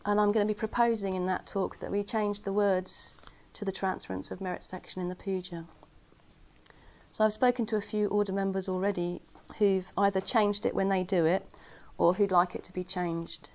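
Her voice is mid-range and darkish, with a level tone and normal speed, as she leads an informal Dharma talk for her Buddhist community. She talks earnestly and conversationally, making self-deprecating jokes. The sound is slightly muffled.

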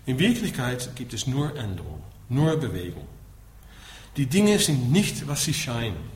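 In a mid-range, darkish voice with wildly swooping pitch and a measured pace, a middle-aged man from the Netherlands lectures as a Buddhist teacher. His Dutch accent is evident, and he often tags points with a short questioning word. The room is echoey, with faint background noise.

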